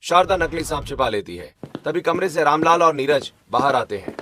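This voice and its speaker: A man narrating a cartoon story in a steady storytelling manner. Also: a little high, moderate pace, a little hiss or hum.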